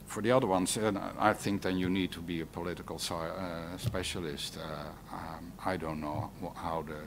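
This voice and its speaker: A man's voice: low voice, fairly even intonation, moderate pace. A man giving remarks at a conference round table, hesitating as he searches for words. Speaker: panel speaker. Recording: live conference recording, faint noise.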